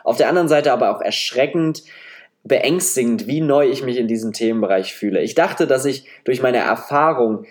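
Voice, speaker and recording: Lively intonation runs through the mid-range nasal voice of a man in his twenties from Leipzig, eastern Germany, who speaks at normal speed with a slight Saxon accent. He hosts a solo podcast, giving a chatty, self-deprecating, semi-scripted monologue on a podcast microphone.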